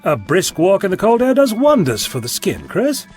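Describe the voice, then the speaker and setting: A man acts out an eccentric time-travelling doctor in an audio drama. The voice is on the high side and swings freely, breezy and playfully sardonic, with music underneath. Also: wildly swooping pitch, normal speed, a little mellow. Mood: teasing. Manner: theatrical, playfully sarcastic.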